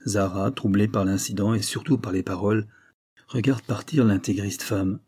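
Male audiobook narrator, grave and measured, low and husky. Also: fairly even intonation, dark tone. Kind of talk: scripted novel narration.

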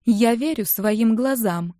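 Woman playing a flirty jealous friend, higher voice, storybook audiobook, no room sound. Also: expressive, moderate pace, a little mellow, dry recording, studio quality, lightly acted. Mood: sulky. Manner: coquettish, later sulky.

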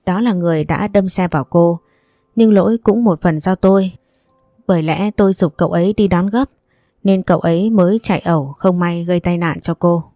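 A woman's voice: fairly low pitch, a little fast, mellow, no echo, studio quality, close to an everyday voice. A woman voicing an apologetic, caring young man who talks earnestly and reassuringly.

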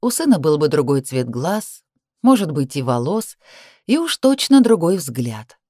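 A woman narrating a romance novel in the first person, in a steady, measured reading. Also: sits low, no room sound, studio quality. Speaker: audiobook reader.

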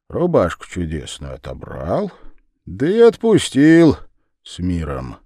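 A man narrating a fairy tale in a slow, lively storytelling manner. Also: low voice, no echo, studio quality.

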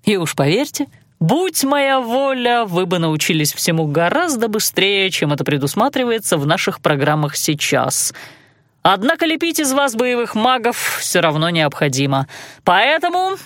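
A woman's voice: medium pitch, very animated, moderate pace, fairly bright tone, dry recording, clean studio sound. A woman reading an audiobook voices a stern male magic instructor who barks commands and makes sarcastic remarks. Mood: stern commanding.

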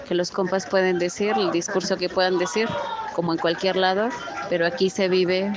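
A woman's voice: lowish voice, level tone, normal speed. A woman speaking earnestly and reflectively at an outdoor community gathering. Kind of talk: vox-pop interview. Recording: outdoor field recording with crowd.

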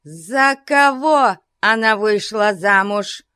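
A woman's voice: medium pitch, takes it slowly, sharp tone, smooth, no echo, clean studio sound, pitched above the performer's own voice. A woman voicing a hysterical, imperious rich old spinster who shrieks at her companions. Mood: furious.

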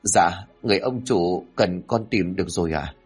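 A man's voice: low voice, moderate pace, a little mellow, breathy edge, soft background music, voice pushed down. A man doing a wheedling young servant. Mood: humble. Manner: humble and wheedling. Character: fawning young male servant, sly flatterer.

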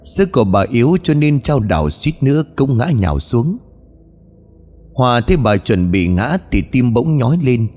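A man's voice: mid-range voice, very animated, moderate pace, darkish tone. A man narrating a ghost story in a scripted telling, speaking the characters' lines himself. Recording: long reverb with faint music.

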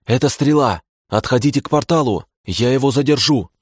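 A man's voice: medium pitch, expressive, normal speed, darkish tone, dry recording, studio quality, pitched above the performer's own voice, natural voice. A man voicing a male archer hero who gives terse orders. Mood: commanding.

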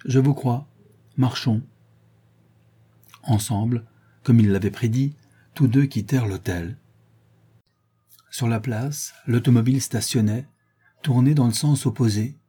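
A man reading a novel aloud as narrator, in steady, measured narration. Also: medium pitch, husky. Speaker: audiobook narrator. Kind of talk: scripted narration.

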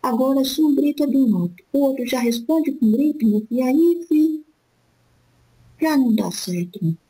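A woman speaking as an elderly spirit guide in a spiritist session, giving gentle fatherly counsel and calling the listener "my son" after nearly every phrase. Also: sits high, slightly rough, poor audio. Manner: slow, repetitive, soothing advice.

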